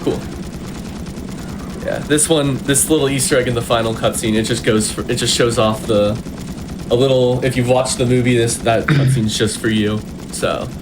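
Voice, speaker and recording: A man's voice: medium pitch, steady tone, moderate pace. A man giving casual commentary on a video game speedrun. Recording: clear game noise behind voice.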